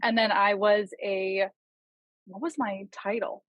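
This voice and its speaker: A woman's voice: mid-range voice, steady tone, slow, no echo. Twenty-something woman chatting on a podcast, joking at herself, kinda muffled dry audio. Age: 20s. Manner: chatty, self-deprecating. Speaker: project manager. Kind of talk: casual podcast chat.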